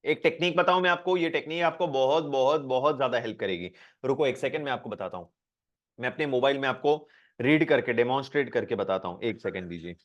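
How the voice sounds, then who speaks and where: A man teaching a live online class, talking in a lively way, repeating his points and asking the class questions. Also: medium pitch, fast, dull audio.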